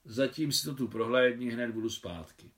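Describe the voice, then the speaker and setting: A man reading aloud, voicing a kind young woman who speaks in a gentle, encouraging tone. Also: medium pitch, recorded from a distance, natural voice. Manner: gentle, warm reassuring tone.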